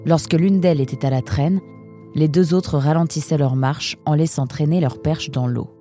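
A woman reading a children's novel aloud in a measured, even storytelling manner. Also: deep voice, faint music behind. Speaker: narrator. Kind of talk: audiobook narration.

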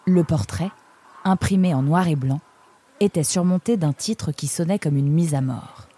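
A woman narrating a children's story in a measured, expressive way. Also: low-pitched, husky.

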